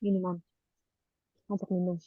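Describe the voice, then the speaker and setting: A woman's voice: lowish voice, level tone, moderate pace, dry recording, phone-quality sound. A woman student in an online class, reading aloud carefully and stumbling over some words.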